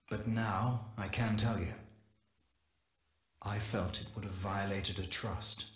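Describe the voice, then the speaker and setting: A low-voiced male scientist recounts his journal entries in a measured, solemn way. The delivery is steady and sober, like a recorded game log, and the voice rings out in a roomy space. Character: Corpus scientist recounting a wild animal. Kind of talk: scripted game audio-log narration.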